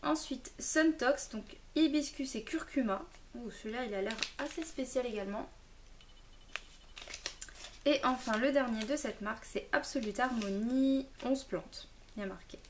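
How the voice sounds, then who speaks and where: Young woman vlogger, casual hesitant chatter, slightly high voice, recorded on a home camera set a bit far off with faint hiss. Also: normal speed. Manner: chatty, hesitant with many fillers. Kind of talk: casual unboxing chat. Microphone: camera mic, a little far.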